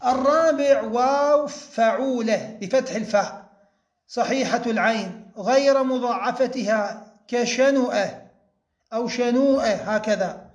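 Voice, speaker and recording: High-voiced man teaching in an echoey room. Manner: explains step by step, repeats key points, slows down to spell out examples. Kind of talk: Arabic grammar lesson.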